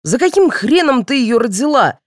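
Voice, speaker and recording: A woman reading the part of a blustering, quick-tempered middle-aged father who scolds and shouts. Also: high voice, sing-song, dry recording, clean studio sound, voice pushed up. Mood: shouting.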